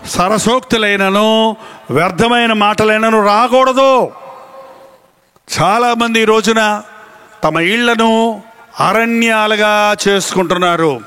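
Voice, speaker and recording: Male pastor, high bright voice, animated sermon delivery. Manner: animated preaching, acts out voices of family members.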